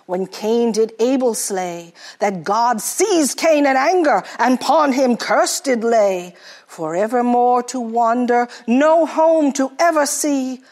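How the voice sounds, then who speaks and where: A woman voicing a merchant, solemn, rhyming verse, slow delivery. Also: very high-pitched, a little mellow, exaggerated voice. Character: travelling merchant telling a solemn legend.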